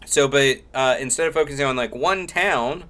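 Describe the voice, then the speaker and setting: A man's voice: mid-range voice, moderate pace, sharp tone. A middle-aged man hosting a podcast in a rambling, self-deprecating, casual way. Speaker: podcast host. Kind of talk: casual chat.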